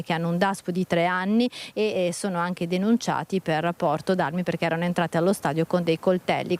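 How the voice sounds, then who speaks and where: A woman's voice: fairly low pitch, darkish tone. A woman field reporter, giving a live news report with many hesitations and fillers.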